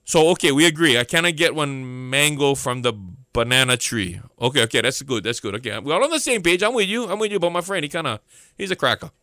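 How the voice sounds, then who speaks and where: A man's voice: a little high, fast, sharp tone, no echo, studio quality. A man preaching in a Hawaiian Pidgin accent, telling a folksy story and asking his listeners questions. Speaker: pastor. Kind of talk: storytelling sermon to a listening audience.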